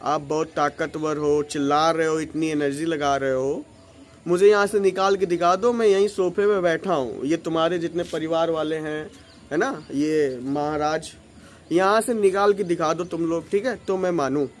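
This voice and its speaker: A man voicing his own cool, menacing young male alter ego, talking slow, low and threateningly. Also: steady tone, slight background noise, close to an everyday voice. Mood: taunting.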